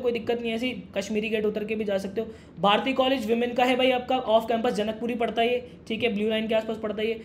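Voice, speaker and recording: A young man explains things quickly and casually, calling the listener "brother". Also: very high-pitched, slight background noise. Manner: fast, brotherly, addresses viewer as "mere bhai". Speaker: education YouTuber. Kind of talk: casual explainer talking to camera.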